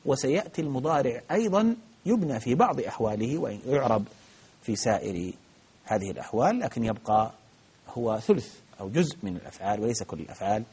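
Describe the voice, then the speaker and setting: A man's voice: mid-range voice, expressive, fast, a little mellow, breathy edge. A man teaching a grammar lesson, explaining patiently step by step, with frequent restarts and fillers. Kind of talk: live grammar lesson with questions.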